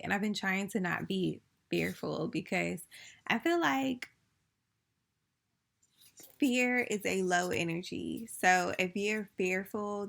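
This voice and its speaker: Chatty woman with a gravelly, bright voice. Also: lowish voice. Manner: chatty, rambling, many "like" fillers. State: sleepy after wine. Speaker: vlogger. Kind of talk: casual chat to viewers.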